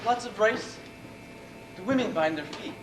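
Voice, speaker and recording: A young man playing Elliot, a vague, bored ex-husband, with deadpan delivery in a school stage comedy. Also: sits high, a little slow. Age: young adult. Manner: deadpan, dry. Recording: distant echoey stage audio with noise.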